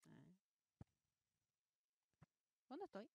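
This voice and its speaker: A woman's voice: extremely slow, very noisy. Chatty woman playing a game. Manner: chatty, muttering to herself, easily startled. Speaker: host playing a video game. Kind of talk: casual gameplay commentary.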